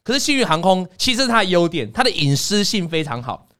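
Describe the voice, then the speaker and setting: A man hosting a casual chat, telling stories in an animated way and acting out scenes. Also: high-pitched, fast talker. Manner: animated storyteller, acts out scenes. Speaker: podcast host.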